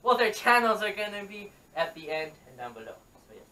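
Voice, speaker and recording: A young adult man chatting casually and haltingly as the jokey host of a vlog, recorded in a small bedroom. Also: high voice, big pitch swings, pushed and bright. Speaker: host of a challenge video. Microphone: camera a few metres away. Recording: distant, noisy camera mic with clicks.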